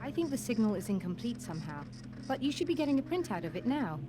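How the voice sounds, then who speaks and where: An earnest woman scientist in a video game, speaks in a fairly high, animated voice. She is puzzled by what she studies, with music clearly behind her. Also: quick pace. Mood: intrigued, puzzled.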